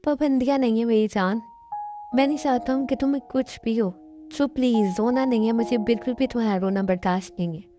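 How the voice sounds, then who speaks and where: A woman's voice: a little high, brisk, over music, lightly acted. A woman voicing a tender, protective young husband. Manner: soft, coaxing and protective. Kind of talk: amateur fan-story dub.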